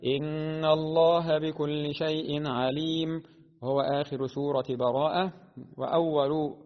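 Man, recitation teacher, deliberate explanations, chants verse examples, slightly high voice, lingering reverb. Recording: dull lo-fi sound with long reverb.

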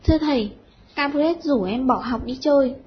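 A woman voicing a loud, sharp-tongued schoolgirl with shrill outbursts. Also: normal speed, a little hiss or hum, natural voice. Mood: scornful. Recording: dull lo-fi audio.

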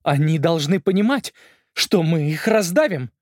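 A male reader voicing a proud, fierce female spider queen with a sharp, commanding manner. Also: fairly high pitch, lively intonation, unhurried, no echo, studio quality, pitched above the performer's own voice.

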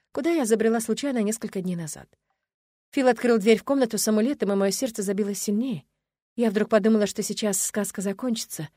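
A woman narrates a fantasy romance in the first person, telling it with expression at a middle pitch. The read is dry and close to the mic. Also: dry recording. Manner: expressive storytelling. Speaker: audiobook narrator.

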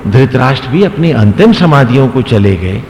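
A man's voice: mid-range voice, very animated, normal speed, darkish tone. A male swami telling a devotional story in a sermon, with dramatic, rising and falling delivery. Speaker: swami, spiritual preacher. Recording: echoey hall, faint background noise.

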